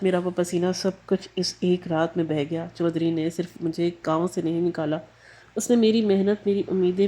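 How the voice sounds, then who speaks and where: Woman storyteller, low pitch, somber scripted narration. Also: mellow. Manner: somber, grave.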